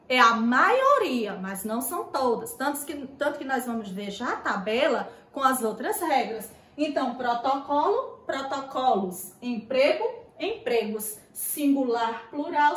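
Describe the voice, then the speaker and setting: High-voiced teacher in echoey room. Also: female voice, far from the mic. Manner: patient, explains step by step with questions; voices imagined student questions. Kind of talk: classroom video lesson.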